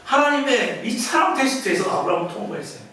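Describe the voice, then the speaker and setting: Man preaching in church, high voice jumping all over, acts out quotes, super echoey, kinda far from the mic. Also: fast, a little hiss or hum. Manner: animated preaching, acting out quoted dialogue. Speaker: pastor. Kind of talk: sermon. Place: church sanctuary.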